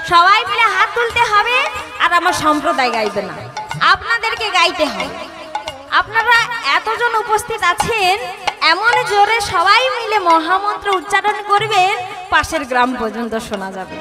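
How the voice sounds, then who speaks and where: Woman kirtan preacher, very high voice, sing-song exhortation to a village crowd, devotional music underneath. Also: animated, normal speed. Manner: exhorting the crowd, addressing them as mothers and fathers.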